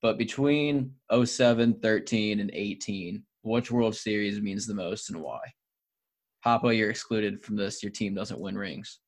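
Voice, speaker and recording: A man's voice: lowish voice, measured pace. A man chatting on a sports podcast as a guest co-host, upbeat and teasing. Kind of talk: casual podcast chat.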